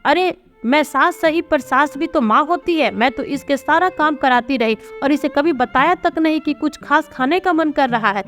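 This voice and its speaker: A woman's voice: high-pitched, normal speed, hardly any pauses, faint music behind. A woman doing a nagging older mother-in-law. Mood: musing. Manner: sharp, complaining, scolding.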